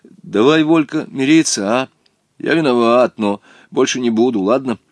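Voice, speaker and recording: A man's voice: mid-range voice, moderate pace, dry recording, lightly acted. A man voicing an impulsive, sheepish schoolboy who speaks in an eager way.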